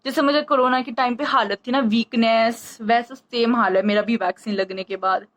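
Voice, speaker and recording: Breathless woman vlogging, fairly high voice. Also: a bit bright, rough recording. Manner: chatty, rambling storytelling. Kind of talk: casual vlog talk to camera.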